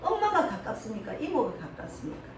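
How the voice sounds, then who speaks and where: Animated Gyeongsang-accented woman pastor preaching. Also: fairly high pitch, fairly quick, background noise. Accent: Gyeongsang Korean. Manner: emotional, animated storytelling with laughs. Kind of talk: sermon with personal story. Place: church sanctuary. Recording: echoey hall, mic far off.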